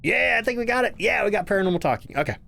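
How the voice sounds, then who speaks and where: A man's voice: sits high, lively intonation, rapid-fire, creaky, sharp tone, slight background noise. A man streaming a horror game, chatting casually with viewers and musing to himself as he plays.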